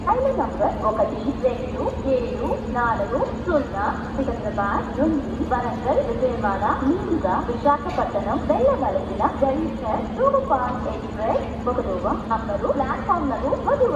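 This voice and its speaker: Female station announcer heard over a PA, high lively voice, formal and repetitive, distant, echoey and muffled over loud platform noise. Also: moderate pace, pauses often. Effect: over a station PA loudspeaker. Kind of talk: scripted public announcement. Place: busy railway platform.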